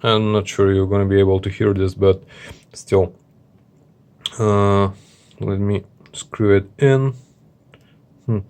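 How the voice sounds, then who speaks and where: A man with a slightly deep voice talks through a product review off the cuff. His delivery is informal and hesitant, stopping and starting as he looks for the right word. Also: steady tone, darkish tone, clean tone. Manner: halting, hesitant, searching for words. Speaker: watch reviewer. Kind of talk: casual unscripted product review.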